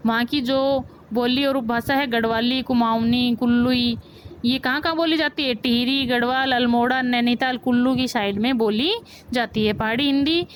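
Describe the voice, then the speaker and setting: A woman's voice: high voice, slight background noise, rough recording. A woman teacher, giving a grammar lesson and asking the class questions, then repeating the key points. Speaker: school teacher.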